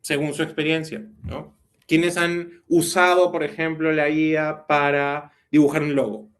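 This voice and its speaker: A man's voice: a little high, flat delivery, unhurried. A man leading an interactive online workshop, explaining a point and then checking in with his audience. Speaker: workshop instructor.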